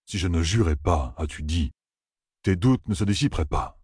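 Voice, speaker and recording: A huge, soft-hearted Ogier from a fantasy storybook, anxious and pleading, voiced by a man narrating. The voice is low, husky and gently unsteady. It sounds dry and close-miked. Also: expressive, normal speed, dry recording, heavily acted. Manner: soft, pleading, slightly trembling.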